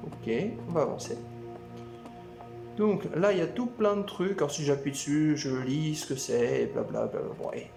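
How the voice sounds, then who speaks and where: A man commenting on his video game as he plays, thinking aloud with excited exclamations. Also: on the high side, normal speed, creaky. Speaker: gameplay video host. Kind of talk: live gameplay commentary. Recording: echoey room with game music.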